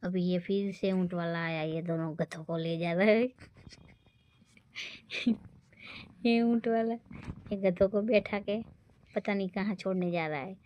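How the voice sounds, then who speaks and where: A middle-aged woman with a Gujarati accent chatting through a casual travel vlog on a phone camera, repeating herself and often dropping to a hushed whisper. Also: on the low side, steady tone, moderate pace, clear, resonant tone, lo-fi sound. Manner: chatty, repeats "look" over and over, mixes Gujarati and Hindi. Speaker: vlogger. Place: outdoors at a beach.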